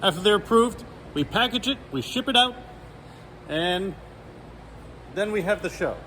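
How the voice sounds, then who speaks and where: A man's voice: high voice, expressive, unhurried, sharp tone. A man working as a reporter, presenting and interviewing on location. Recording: noisy location sound, vehicle noise.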